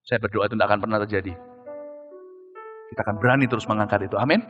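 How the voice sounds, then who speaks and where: A middle-aged male pastor preaching a sermon, animated, swinging between loud exclamations and low hushed prayer. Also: rapid-fire, muffled recording. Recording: reverberant church hall with soft music.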